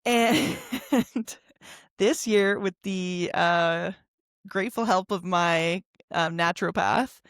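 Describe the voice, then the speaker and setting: A woman's voice: fairly low pitch, takes it slowly, smooth, dry recording, studio quality. A young adult woman co-hosting a podcast, talking casually with lots of fillers and laughs. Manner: chatty, full of fillers and laughs. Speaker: podcast co-host. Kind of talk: casual chat.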